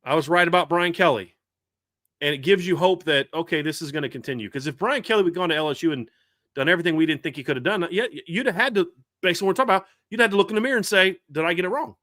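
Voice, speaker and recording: A man hosting a live sports talk show, talking in an animated, rambling way with frequent restarts. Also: high-pitched, very fast, no echo, clean studio sound. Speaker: podcast host.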